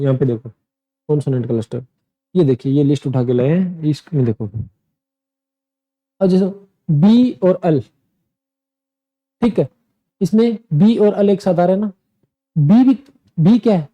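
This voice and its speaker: A man's voice: fairly high pitch, dark tone, dull audio. A man teaching pronunciation in a lesson, drilling word lists aloud and asking and answering his own questions. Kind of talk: screen-share lesson.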